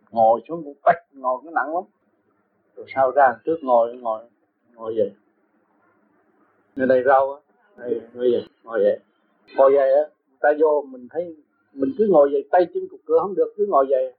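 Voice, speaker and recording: Older guy rambling through old stories in an interview, husky voice, sounds like a phone recording. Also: medium pitch, animated, brisk, long pauses, narrow, tinny audio. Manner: rambling, repeats words, chuckles often. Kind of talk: casual storytelling.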